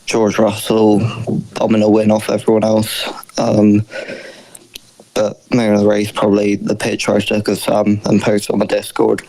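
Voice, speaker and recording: A man's voice: fairly low pitch, completely flat delivery, moderate pace, dark tone, no room sound, poor audio. A man from England leaving a cheeky, teasing voice message for a podcast. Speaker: listener sending a voice message.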